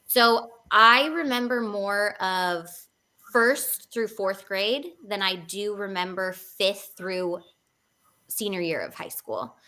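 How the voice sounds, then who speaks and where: A woman's voice: mid-range voice, slow, sharp tone. A young woman in her twenties speaking as an interview guest, telling a personal story candidly with frequent fillers.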